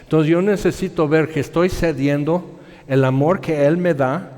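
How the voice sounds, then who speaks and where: A man preaching a sermon, telling stories in an animated way and voicing other people in his quotes. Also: fairly high pitch, normal speed. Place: church hall. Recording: long hall reverb.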